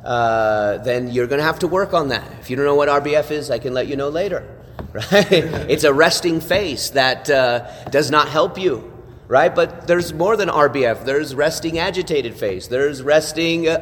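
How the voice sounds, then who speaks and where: A man teaching a class like a sermon, animated and full of rhetorical questions and tag questions. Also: a little high, normal speed, big-room sound, slight background noise. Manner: animated, asks rhetorical questions, frequent "right?".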